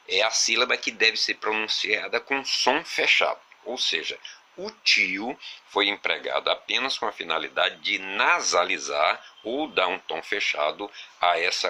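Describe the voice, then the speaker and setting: A man teaching a grammar video lesson, explaining slowly and repeating examples with small fillers. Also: low-pitched, bright, forceful tone.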